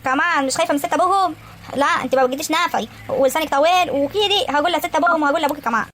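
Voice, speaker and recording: A woman's voice: high voice, rapid-fire, fairly bright tone, a little hiss or hum. A woman voicing a bossy pregnant stepmother in a cartoon, nagging and ordering the girl around.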